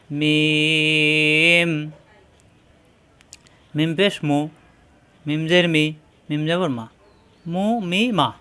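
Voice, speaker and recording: Man, Bangladeshi Bengali accent, Quran reading teacher, slow spelled-out syllables, repetitive drilling, slightly high voice. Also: fairly bright tone. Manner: drawn-out repeated syllables, patient drilling. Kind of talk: slow spelled-out recitation lesson.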